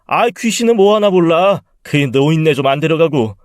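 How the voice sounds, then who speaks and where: A man's voice: fairly high pitch, expressive, normal speed, a little mellow, no room sound, studio quality, close to an everyday voice. A man playing a spiteful, scheming son-in-law. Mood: sneering. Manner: contemptuous, then flustered and pleading.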